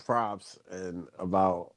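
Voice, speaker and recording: A man co-hosting a podcast in casual chat, laid-back and laughing easily, with drawn-out hedging. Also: low-pitched, steady tone, noisy background.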